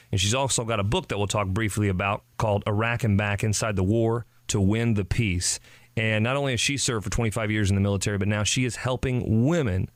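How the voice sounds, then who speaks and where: A man's voice: on the low side, no room sound, clean studio sound. A man hosting a radio talk show, speaking in an enthusiastic, effusive manner.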